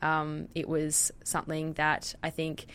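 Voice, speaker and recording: A woman's voice: sits low, monotone, unhurried, fairly bright tone, clean tone. A young woman from Tasmania with an Australian accent, a dietitian chatting casually as a podcast guest with frequent ums. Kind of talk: casual interview.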